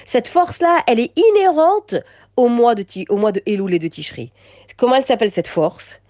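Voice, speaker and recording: A woman giving an inspirational religious talk to women, emphatic and repetitive, moving between soft passages and raised ones. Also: fairly high pitch, lively intonation, fairly quick, dry recording, lo-fi sound. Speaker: religious teacher addressing women.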